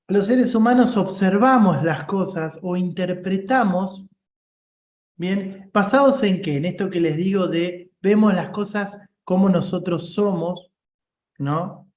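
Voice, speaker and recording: A man's voice: high voice, animated, slow, a little mellow, roomy sound. A man with a Rioplatense Spanish accent, giving an informal leadership coaching class and checking in often with his listeners.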